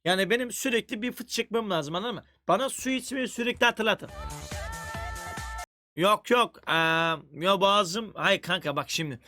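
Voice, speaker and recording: A man's voice: sits high, expressive, normal speed, bright, forceful tone, faint music behind. A man chatting casually on a game livestream, joking around and swearing constantly. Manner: crude, profane, joking banter. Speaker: game streamer.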